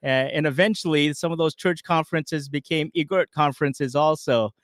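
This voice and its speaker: A man from the United States co-hosting a casual talk show, relaxed and loose with many fillers, speaking over a remote call. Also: a little high, fairly quick, no room sound, clean studio sound. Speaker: podcast co-host. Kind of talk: casual chat.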